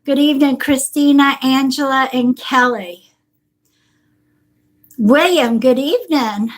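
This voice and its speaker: Slow and high-pitched, this woman is a psychic welcoming each viewer on her live stream, slightly congested from a cold. She addresses people as honey and sweetheart, and the poor audio is picked up by a device on a table.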